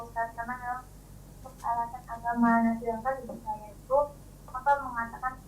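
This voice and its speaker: A young woman calls in with a casual question, sounding hesitant and filling her speech with fillers and restarts. Her fairly high voice comes through choppy and breaking up, distant from the mic, with slight background noise.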